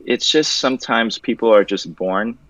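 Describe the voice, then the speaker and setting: A young man from Venezuela, talking casually and joking as a guest artist, loose and relaxed, with the odd swear word. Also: medium pitch, moderate pace, no room sound. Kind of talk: casual interview chat. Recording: dull, dry audio.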